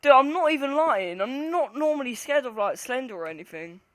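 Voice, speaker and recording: A panicky, scared gamer streams a horror game, chatting casually to a co-player. The voice is bright and very animated in pitch, slipping from nervous muttering into jumpy outbursts and swearing. The sound is dry and close. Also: brisk, no room sound.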